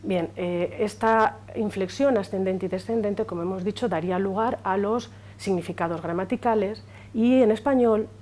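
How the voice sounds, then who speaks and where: Female lecturer, mid-pitched, hesitant with fillers, faint hum behind. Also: moderate pace. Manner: hesitant, many fillers, drops quieter at phrase ends. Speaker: university lecturer. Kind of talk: unscripted lecture.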